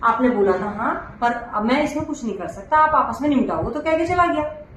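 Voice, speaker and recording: High-voiced woman, indignant, very echoey room. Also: brisk, a little hiss or hum. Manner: animated, indignant storytelling with acted quotes. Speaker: vlogger, mother. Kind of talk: casual chat, recounting a quarrel.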